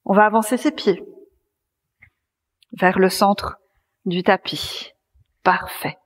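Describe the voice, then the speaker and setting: A woman yoga teacher talks students through poses, calm and gentle, with a soft, airy voice. Her pitch sits in a middle range. The sound carries a long reverb, as if the studio room rings around her. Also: slow pace. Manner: calm, gently guiding, cueing breath and movement. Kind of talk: guided yoga class instruction.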